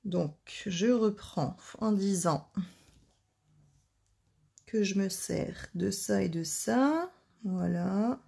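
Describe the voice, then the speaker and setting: A woman's voice: mid-range voice, lively intonation, very slow, creaky, pauses often, warm tone, slightly rough. Woman, casual live craft host, talkative and playful with her audience. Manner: chatty, joking asides to viewers. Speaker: card-making live host.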